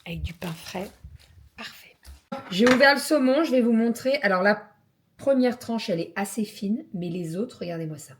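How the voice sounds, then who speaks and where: A woman vlogger chatting casually about her day at home, slangy and full of filler pauses. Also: mid-range voice, animated, background noise. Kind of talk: casual daily vlog chat.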